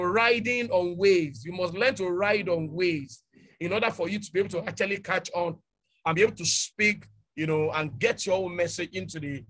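A man's voice: high voice, a bit bright. A man, speaking emphatically on an online panel and repeating his key points. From Nigeria.

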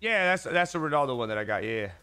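A man's voice: medium pitch, lively intonation, racing, pushed and bright, clear, resonant tone, soft background music. A man in his thirties hosting a casual gaming chat on a headset, teasing playfully and talking in slang. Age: 30s. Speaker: streamer host. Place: streaming room, indoors.

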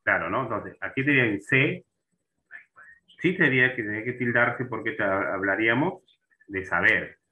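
A man's voice: lowish voice, animated, normal speed, sharp tone. A man teaching an online class, often checking in with students and asking questions as he goes. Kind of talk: online class on Spanish accent marks. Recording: tinny phone-like online call audio.

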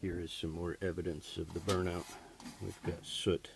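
A man's voice: deep voice, flat delivery, normal speed, gravelly, noisy background. A man working as an HVAC technician, plainly explaining a hands-on repair step by step with frequent fillers, recorded on a handheld camera in a basement and workshop. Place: basement furnace area and workshop floor. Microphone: camera held by the speaker while working.

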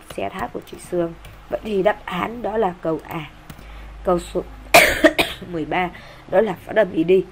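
A woman teacher walking through exam answers in a brisk, explanatory way, with many fillers and an occasional cough. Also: fairly low pitch, noisy background. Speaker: English teacher.

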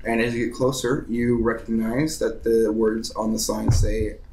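A man's voice: fairly low pitch, level tone, normal speed, music in the background. A man narrating a tabletop game as game master in a casual, conversational way.

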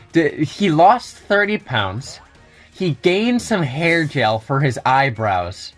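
A man's voice: on the high side, very animated, drawn-out words, pauses often, fairly bright tone, faint music behind. A young adult man giving wry, joking commentary over a video game, often chuckling at his own asides. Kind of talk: let's play commentary.

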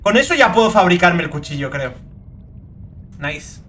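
A young man with a Spain Spanish accent doing let's play commentary, excitable and swearing a lot, with sudden shrieking outbursts. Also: sits high, normal speed. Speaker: gaming video creator.

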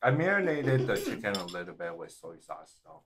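A man's voice: fairly low pitch, big pitch swings, brisk, fairly bright tone, a little hiss or hum. A man hosting a casual mukbang vlog at a table at home, upbeat and playful, often chuckling. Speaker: vlogger host.

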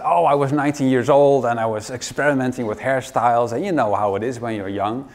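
A middle-aged man giving a wry, joking conference keynote in a large hall, speaking into a headset mic. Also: mid-range voice. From Netherlands. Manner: wry, joking, lively presenter.

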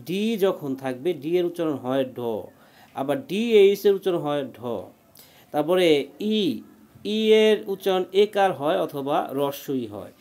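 A man's voice: on the high side, darkish tone. A man, teaching a spelling lesson. He is patient and explains letter by letter, often checking that the listener follows.

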